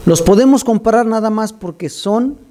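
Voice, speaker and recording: Mellow-voiced pastor preaching. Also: male voice, high voice, moderate pace. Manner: animated, teaching, scolds listeners for distracting him. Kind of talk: sermon.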